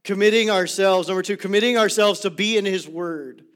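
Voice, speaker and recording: A male pastor preaching a sermon to his church, building to emphatic lists and then dropping to quiet, breathy, near-whispered phrases. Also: high voice, fairly quick.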